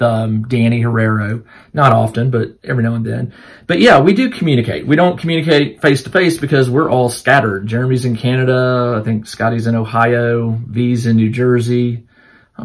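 Rambling man with a tiring voice. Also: mid-range voice. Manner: rambling, with many fillers and restarts. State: voice starting to wear out. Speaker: host of a tabletop crafting channel. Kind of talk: casual Q&A chat to camera.

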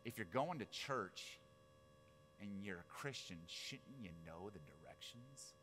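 A man's voice: fairly low pitch, lively intonation, a little slow, bright, forceful tone, slight background noise. A man in his forties, a pastor preaching a casual sermon, telling stories with asides and questions to the audience. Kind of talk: conversational sermon.

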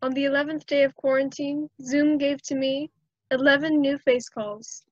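A woman giving a hammy, theatrical dramatic reading of a parody carol, with drawn-out words and sung flourishes. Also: high voice, fairly even intonation, no echo. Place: dark room at home. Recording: dull lo-fi video-call audio.

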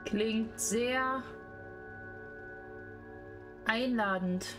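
A woman's voice: a little high, extremely slow, over music. A woman commenting casually on a game as a streamer, in a cute, playful, exclamatory anime streamer manner. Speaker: VTuber streamer.

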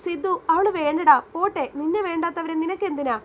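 A woman's voice: extremely high pitch, moderate pace, fairly bright tone, muffled recording, a little hiss or hum. Woman reading as a coaxing young bride. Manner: coaxing, pleading. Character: clingy young bride, Divya.

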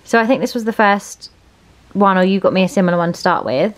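This English vlogger in her thirties talks quickly at a medium pitch, keeping things casual and informal for the camera. She starts out in a parked car and later moves to a room at home, and the car and room background noise is clearly heard.

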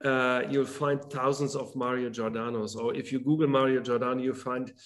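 A German man, appearing as an author guest, chats casually in an interview over a video call through his webcam. His mid-range voice keeps a steady tone, though he speaks haltingly with many restarts and fillers. Behind him is a home room with a large drawing on the wall.

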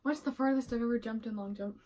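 A woman's voice: on the high side, steady tone, fast, a little mellow. A young woman chatting casually and playfully as she co-hosts a challenge vlog in a room at home. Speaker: vlog co-host playing a quiz challenge. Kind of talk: casual chat. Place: small room at home, indoors.

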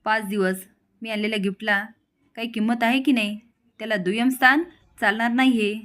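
A woman's voice: on the high side, steady tone, fairly quick, a bit bright, close to an everyday voice. A woman doing a domineering, bossy elder brother. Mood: bossy, angry. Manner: bossy, lecturing. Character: domineering elder brother, controlling and hot-tempered.

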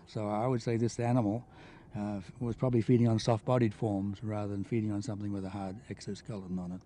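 A man explaining field findings off the cuff, halting and repeating his words as he goes. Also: lowish voice, flat delivery, dark tone, a little hiss or hum. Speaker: field scientist interviewee. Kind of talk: unscripted explanation to camera.

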